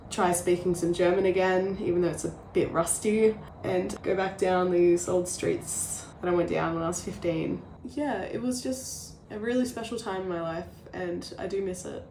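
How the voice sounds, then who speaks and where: A woman's voice: fairly low pitch, mellow, a little hiss or hum. Gushing woman in an echoey room. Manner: enthusiastic, gushing. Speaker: former exchange student. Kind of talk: casual interview answers.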